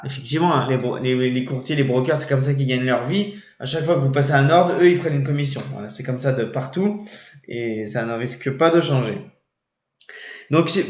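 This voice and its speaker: A man casually explaining to his viewers, hesitant and full of fillers and restarts. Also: mid-range voice. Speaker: trading channel host. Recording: roomy, dull lo-fi sound.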